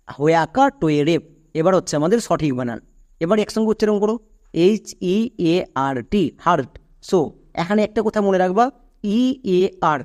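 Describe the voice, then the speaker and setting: A man's voice: sits high, darkish tone. A man teaching English pronunciation, spelling words letter by letter and asking and answering his own questions. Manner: spells words letter by letter, then says them slowly. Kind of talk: step-by-step spelling lesson.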